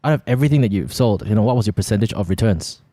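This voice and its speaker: Mellow Malaysian man hosting a casual interview. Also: on the low side, lively intonation, rapid-fire, no room sound. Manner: informal, reactive, colloquial English with 'lah'. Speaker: interviewer, show host. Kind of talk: casual chat.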